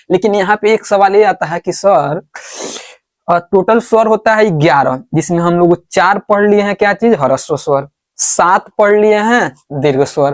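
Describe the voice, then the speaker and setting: In a high-pitched voice, a man leads a board lesson in which he quizzes the class, supplies the answers himself, and slowly repeats words while writing.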